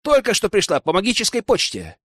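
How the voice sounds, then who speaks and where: A loud, eager young secretary reporting in with a crisp military formality, as a male reader puts him on. His voice rides high and bounces in pitch. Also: wildly swooping pitch, brisk, dry recording, clean studio sound, exaggerated voice. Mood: dutiful. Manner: loud, dutiful. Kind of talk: audiobook character voice.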